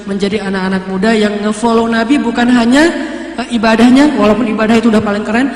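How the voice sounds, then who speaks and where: A man with a very high voice gives a relaxed sermon to young people. He tells his stories playfully and slips into different voices for the dialogue. The sound comes from an echoey hall with a long reverb. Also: fast talker. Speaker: preacher. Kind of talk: casual youth sermon.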